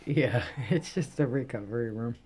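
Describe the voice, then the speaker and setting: A woman's voice: rumbling low, normal speed, dark tone, husky. Reassuring middle-aged mother, chatting casually. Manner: reassuring, coaxing, simple explanations. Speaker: parent looking after a patient. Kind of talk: casual chat. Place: small recovery room, indoors.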